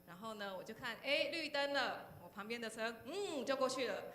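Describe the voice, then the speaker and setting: A woman with a Taiwanese Mandarin accent gives an animated testimony to a youth congregation, often pausing on "然后呢" and turning questions to her listeners. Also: on the high side. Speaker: speaker sharing a testimony at a youth service. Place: church hall. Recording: echoey hall, faint background noise.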